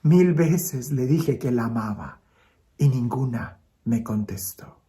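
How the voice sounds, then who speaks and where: A man's voice: mid-range voice, expressive, takes it slowly, pitched below the performer's own voice. A priest doing a heartbroken little girl. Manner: soft, tearful, falling to a whisper.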